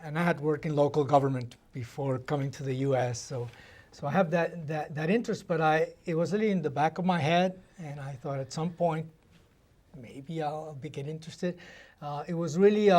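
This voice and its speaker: Hesitant man from Colombia, fairly high voice. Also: steady tone, darkish tone. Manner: hesitant, halting with restarts. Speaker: newly elected trustee guest. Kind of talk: TV interview answers.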